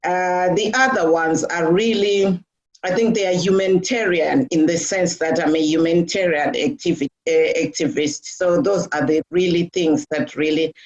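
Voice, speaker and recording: This is casual interview talk from a middle-aged Zimbabwean woman appearing as a guest, full of fillers and false restarts. Her fairly low, darkish voice keeps a fairly even intonation at a moderate speed, and the recording sounds dull and lo-fi.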